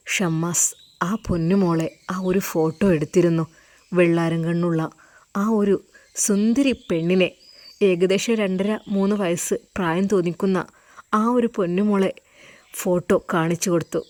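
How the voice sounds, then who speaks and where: A woman's voice: fairly low pitch, a little mellow, dry recording. A woman from Kerala narrating a dramatic story, lingering emotively on key words.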